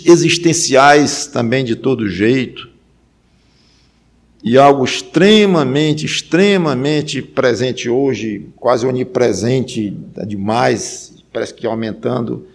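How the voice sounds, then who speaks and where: A man preaching a sermon, rising to loud emphatic peaks and dropping to low quiet stretches, often repeating words as he thinks. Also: gravelly, husky. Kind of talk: sermon on Ecclesiastes.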